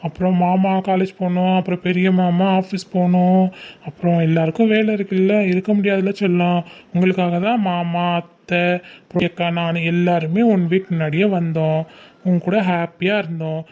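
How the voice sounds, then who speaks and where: Soft coaxing young uncle, keeps asking "okay?", lowish voice. a woman plays him. dull recording. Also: little pitch movement, moderate pace, close to an everyday voice. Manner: soothing, coaxing, repeats "okay?". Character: young male uncle, college student, gentle and coaxing.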